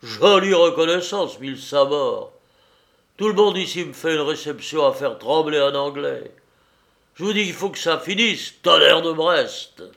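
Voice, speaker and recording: A man voicing a rough, jealous sailor who shouts and swears in salty oaths, in a storybook reading. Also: on the high side, a little slow, voice pushed up. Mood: bitter angry. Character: rough jealous male sailor, menacing and loud.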